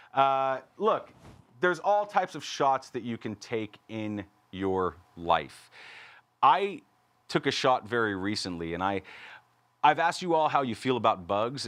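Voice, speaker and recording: A man's voice: mid-range voice, fairly bright tone. A man hosting a comedic live music talk show with goofy, self-aware banter. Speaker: host.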